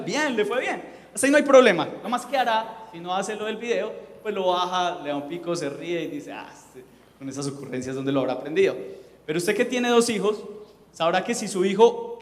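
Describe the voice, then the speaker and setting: A man, preaching a sermon in a conversational, joking way and asking the congregation questions. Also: high voice. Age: 30s. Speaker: pastor. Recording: echoey hall.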